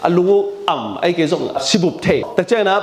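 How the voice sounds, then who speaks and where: A man preaching a sermon in a lively, animated way, often repeating words and slipping English terms into his speech. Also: brisk. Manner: lively, animated delivery with frequent repetition. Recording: echoey room.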